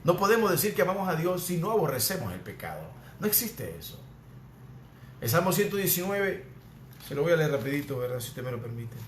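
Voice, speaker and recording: A Venezuelan man preaches from the pulpit in a slightly high voice, circling back to the same emphatic refrain again and again. The recording carries an echoey church room with a faint hum of background noise. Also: very animated, a little fast. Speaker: pastor. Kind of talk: sermon. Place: church sanctuary.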